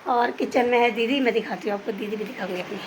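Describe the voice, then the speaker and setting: A woman's voice: fairly high pitch, fast, slight background noise. A young woman chatting casually to her viewers in a family home, explaining everything as she goes. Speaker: vlogger. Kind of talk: casual vlog narration.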